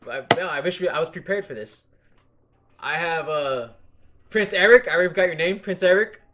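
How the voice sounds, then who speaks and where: A man's voice: fairly high pitch, fairly quick, pushed and bright. A man hosting a casual game stream, teasing his friends and swearing freely. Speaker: stream host. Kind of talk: casual gaming stream chat.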